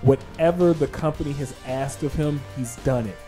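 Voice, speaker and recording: Guy hosting a panel chat, kinda halting and pointed, faint music behind. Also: medium pitch, dark tone. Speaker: podcast host. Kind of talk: casual panel discussion.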